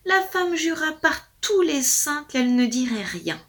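A woman narrating a folk tale in a lively, expressive storybook reading. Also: high voice, unhurried.

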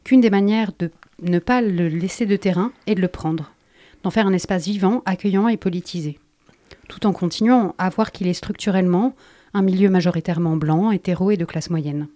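A woman reading a prepared radio column in a measured, pointed way. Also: fairly low pitch, warm tone.

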